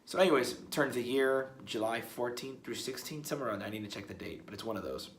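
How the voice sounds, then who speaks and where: A man's voice: mid-range voice, fast talker, a little hiss or hum. A young man talking casually in a one-take video blog, rambling and restarting his words often. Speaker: musician vlogger. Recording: roomy with faint ambience.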